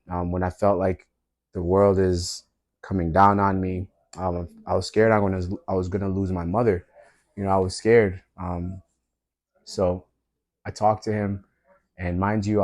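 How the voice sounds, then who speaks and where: A man's voice: low-pitched, a little mellow, dry recording, studio quality. A man sharing a personal story in a vlog, loose and reflective, with many fillers and an earnest, spiritual tone. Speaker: vlogger.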